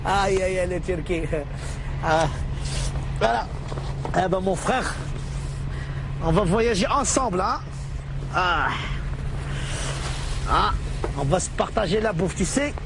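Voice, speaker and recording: A man's voice: sits high, takes it slowly, long pauses, full character voice. An actor playing a naive, friendly, talkative Moroccan migrant who speaks simple broken French with an Arabic-speaker's accent and repeats his words. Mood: chatty, eager. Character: chatty, naive, friendly Moroccan migrant man, a clandestine traveler. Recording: clear vehicle noise behind.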